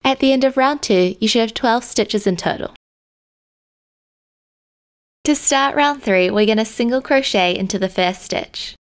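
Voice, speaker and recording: A woman host narrating a crochet tutorial in a calm, step-by-step instructional manner. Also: on the high side, normal speed. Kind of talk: scripted tutorial voice-over.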